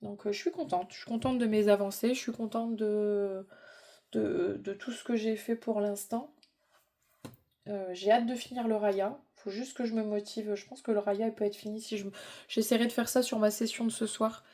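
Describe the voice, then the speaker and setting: A woman's voice: mid-range voice, fairly even intonation, moderate pace, dark tone. A middle-aged woman chatting casually in a hobby vlog, informal and rambling as she thinks aloud. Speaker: vlogger.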